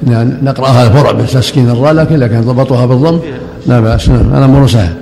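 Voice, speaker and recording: A man's voice: mid-range voice, fairly even intonation, very fast, creaky, dark tone. An older man, a sheikh teaching a classical text, who gives brief corrections and frequent short acknowledgments during the lesson. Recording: echoey hall with faint ambient noise.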